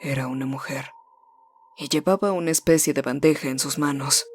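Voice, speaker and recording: A narrator reading a first-person horror story in a measured, suspenseful way, slowing down and dropping low at the tense moments. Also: a little hiss or hum.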